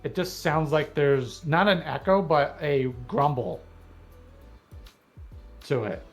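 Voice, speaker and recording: A man's voice: a little high, lively intonation, takes it slowly, faint music behind. Talkative man explaining a game. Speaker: guest co-player on a livestream. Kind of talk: casual gaming chat.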